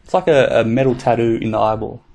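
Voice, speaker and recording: A man's voice: mid-range voice, fast talker, vocal fry, darkish tone. A man co-hosting a podcast, chatting casually in a laid-back, rambling way with plenty of fillers and swearing. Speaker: podcast co-host. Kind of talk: casual chat.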